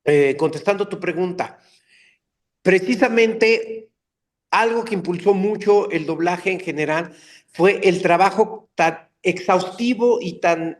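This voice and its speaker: An older man, a dubbing actor telling stories in a casual interview, animated and slipping into character voices. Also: high-pitched. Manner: animated, slips into character voices mid-story. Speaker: voice actor and dubbing director guest.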